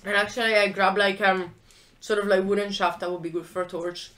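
Bright, chatty woman player. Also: medium pitch, flat delivery, fairly quick. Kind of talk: casual game chat.

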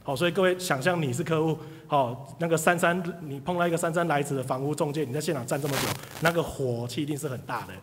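Fast-talking man in a hall. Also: on the high side, slight background noise. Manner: animated storyteller, acts out quoted people. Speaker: speaker sharing career story. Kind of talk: live motivational talk to an audience. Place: hall with audience. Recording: reverberant hall.

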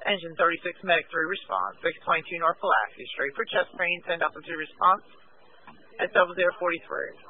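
High-voiced male dispatcher, terse radio updates. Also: brisk. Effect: two-way radio. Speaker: fire dispatcher. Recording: tinny narrowband dispatch scanner radio.

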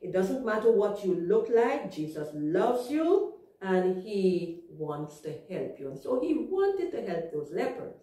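A woman tells a Bible story to young children at an unhurried pace. She explains in simple words and keeps asking her listeners questions, with a mellow tone. Her voice sounds distant and echoes off the room. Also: medium pitch, very animated. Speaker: Sabbath school teacher. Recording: echoey room, far from mic.

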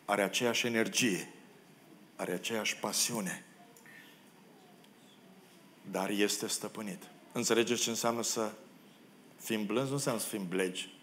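A pastor from Romania preaching a sermon in a church, acting out the quoted biblical figures and making self-deprecating asides to the congregation. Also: male voice, fairly low pitch, long pauses, a little hiss or hum. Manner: expressive preacher who acts out the biblical quotes. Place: church hall.

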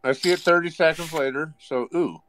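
A man's voice: a little high, fairly quick, fairly bright tone, slight background noise, low-quality recording. A man chatting wryly with friends during an online poker game. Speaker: poker player on voice chat.

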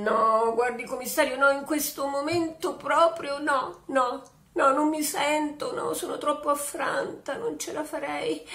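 Woman as a sly flirting widow, comic theater monologue, high voice, roomy echo. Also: a bit bright, exaggerated voice. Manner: coy, sly, mock-grieving. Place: home, indoors.

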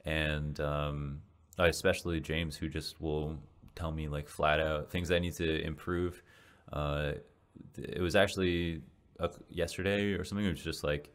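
A young podcast host and esports caster reflects in a casual solo episode from a small room at home, a large studio mic right in front of his face. His very low voice turns raspy, with little pitch movement and a measured pace. He rambles, with many restarts and fillers.

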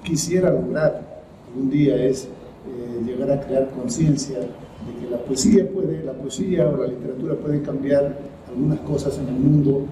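A middle-aged man answers interview questions slowly and reflectively, often pausing and repeating himself as he finds his words. His voice sits at an ordinary pitch and is picked up from across a roomy space. There is a clear hum of background noise. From El Salvador, raised in the United States. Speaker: writer and poet, interview guest. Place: high-floor room by a large window over a city. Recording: roomy echo from the camera mic at a distance, noise behind.

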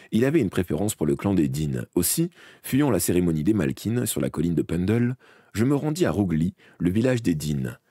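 A man reading a dark fantasy audiobook aloud in the first person, dramatic and expressive, with small slips he corrects as he goes. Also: low voice, husky, no echo, clean studio sound. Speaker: audiobook reader. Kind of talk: first-person audiobook narration read live.

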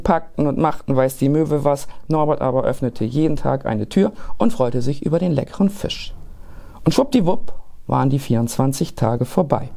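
Gravelly-voiced man reading a story. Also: on the high side. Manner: lively, expressive narration. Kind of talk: reading a children's story aloud.

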